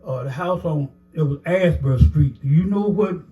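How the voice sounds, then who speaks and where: A man's voice: a little high, normal speed, warm tone, poor audio. An older man telling his life story in a casual interview, rambling with many "you know"s and acting out the dialogue he recalls.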